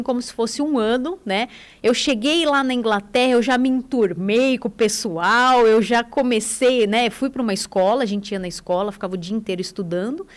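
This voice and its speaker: Brief: Brazilian woman, forties, fairly high voice, chatty enthusiastic radio guest. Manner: chatty, enthusiastic, many tag questions. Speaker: radio guest, English teacher. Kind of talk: casual radio conversation.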